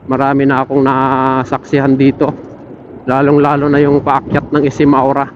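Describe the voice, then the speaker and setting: Riding a motorcycle through city traffic in the evening, this vlogger talks to viewers through a helmet intercom linked to an action camera, friendly and handing out shoutouts. His medium-pitched voice is totally flat and moderately paced. The audio is muffled, with vehicle, engine, and street noise throughout.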